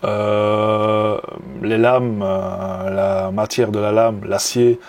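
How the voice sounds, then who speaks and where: Drawn-out words and a fairly low, a little mellow voice with fairly even intonation mark this Belgian man, who has a Belgian French accent. A knife hobbyist vlogger, he shows off a knife in a casual video review, hesitant and full of fillers and restarts, clearly admiring it.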